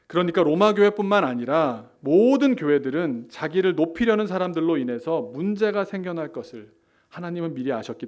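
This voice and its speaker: A middle-aged man preaching a Sunday sermon to his congregation, who now and then bursts into loud, scolding example voices. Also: a little high. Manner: acts out scolding voices with sudden loud outbursts. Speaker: pastor.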